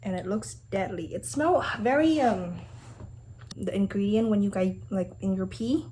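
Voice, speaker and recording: A woman's voice: mid-range voice, unhurried, dark tone, slight background noise, rough recording. A woman chatting casually to viewers as a food challenge vlogger, sounding exasperated and questioning herself. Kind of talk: casual chat to viewers while eating.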